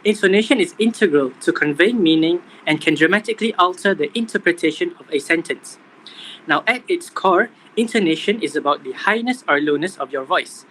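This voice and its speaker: A young man reading out a scripted class presentation in a steady manner. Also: fairly high pitch, fairly quick, a little hiss or hum, rough recording. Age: young adult. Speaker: student presenter.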